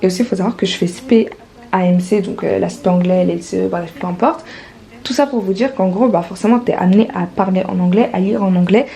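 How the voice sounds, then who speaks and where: Teen girl vlogger, casual and rambling, warm dark timbre. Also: mid-range voice, brisk, vocal fry, rough recording. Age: teens. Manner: chatty, many fillers. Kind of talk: casual vlog narration.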